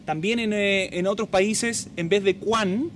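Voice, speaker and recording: Male Spanish-speaking English teacher, slow deliberate delivery, faint background hiss. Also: high-pitched. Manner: slow, drawn-out model pronunciations with lively teacherly emphasis.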